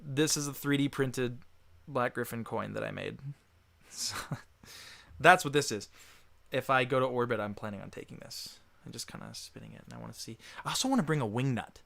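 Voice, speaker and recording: A man's voice: medium pitch, a little fast, vocal fry, a bit bright. A man hosting a casual livestream Q&A, chatting loosely and reading viewer messages aloud. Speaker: livestream host answering chat.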